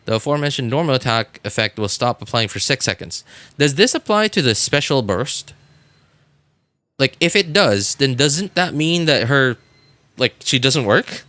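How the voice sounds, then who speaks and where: This male game streamer talks in a mid-range voice with a sharp tone and no echo. His casual livestream chat is spent theorycrafting a game, musing hesitantly and often saying things twice.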